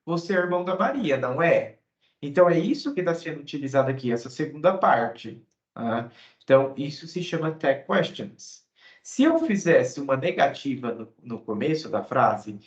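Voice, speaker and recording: A Brazilian man with a Brazilian Portuguese accent walks through a grammar lesson and keeps checking in with his students. He acts out little dialogues, saying the English lines slowly. His voice sounds roomy and a little muffled. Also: mid-range voice. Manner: explains step by step, often checking with "né?" and "ok?"; acts out short example dialogues, reading English phrases slowly. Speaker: English teacher.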